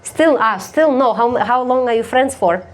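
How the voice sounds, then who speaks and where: Eine Komikerin, die auf einer Live-Bühne stumpf und neckend mit dem Publikum spricht und oft lacht. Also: female voice, fairly high pitch, expressive, moderate pace. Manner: blunt, teasing, laughs often. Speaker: stand-up comedian. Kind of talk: stand-up crowd work. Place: live comedy stage.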